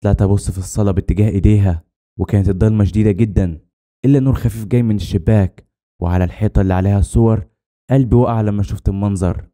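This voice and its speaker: Man, horror narration, very fast, low pitch, very dark timbre. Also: steady tone. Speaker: storyteller.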